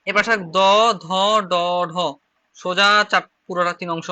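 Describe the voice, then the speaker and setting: High, bright-voiced Chittagong Bengali teacher. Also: male voice, fairly even intonation, moderate pace. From Bangladesh. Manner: repetitive, drilling, step-by-step explaining. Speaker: shorthand teacher. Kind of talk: online class instruction.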